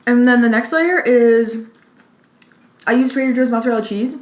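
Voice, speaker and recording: A woman hosting a mukbang, chatting informally with lots of "like", pausing to take bites and chew, slightly out of breath. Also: fairly high pitch. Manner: informal, peppered with "like". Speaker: mukbang host. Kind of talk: casual chat while eating. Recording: roomy, echoey indoor sound.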